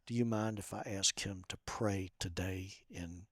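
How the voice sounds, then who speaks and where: A man quoting a kind female nurse in his own soft voice, barely changed. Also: low voice, fairly even intonation, measured pace, no echo, clean studio sound. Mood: gentle. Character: kind woman nurse, gentle.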